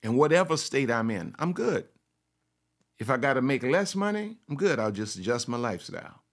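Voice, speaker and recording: A pastor preaches a sermon in a mid-range voice with big pitch swings at a moderate pace. He repeats phrases for emphasis, poses rhetorical questions, and at times slips into the first-person voice of a confident woman to make his point.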